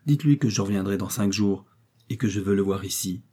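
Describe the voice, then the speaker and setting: A man's voice: on the low side, a little fast, warm tone, breathy edge. A man voicing a middle-aged aristocratic father who pleads emotionally, in a raised voice. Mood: wistful.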